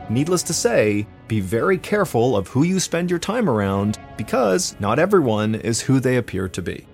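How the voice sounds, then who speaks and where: A man's voice: medium pitch, gravelly. An American man narrating a true crime story as a podcast host, in a scripted storytelling style.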